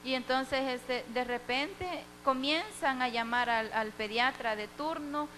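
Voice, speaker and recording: Woman, church testimony, bright high voice, faint hum behind her. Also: takes it slowly, poor audio. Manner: heartfelt storytelling, acting out the dialogue. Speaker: church member giving testimony.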